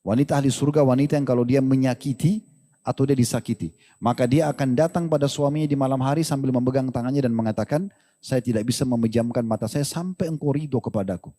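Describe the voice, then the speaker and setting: A man giving a lively religious lecture to an audience, asking rhetorical questions and joking. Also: medium pitch, quick pace. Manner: animated, rhetorical questions, jokes and laughs with the crowd. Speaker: Islamic preacher. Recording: long hall reverb.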